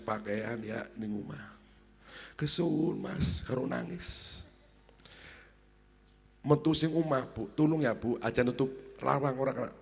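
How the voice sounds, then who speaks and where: A man with a Brebes Javanese accent giving a humorous sermon, telling stories and acting out dialogue with shouts and laughs. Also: mid-range voice. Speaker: preacher. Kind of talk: humorous sermon at a family gathering. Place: large hall at a family gathering. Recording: long hall reverb.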